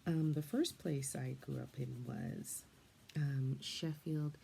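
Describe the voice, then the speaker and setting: Older lady coloring and rambling softly, low voice with some fry, half whispers a lot. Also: sing-song, takes it slowly, slight background noise. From England, then Canada and the United States. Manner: soft-spoken, meandering, often drops to a half-whisper. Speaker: storyteller and coloring host. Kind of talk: gentle chatty storytelling while coloring.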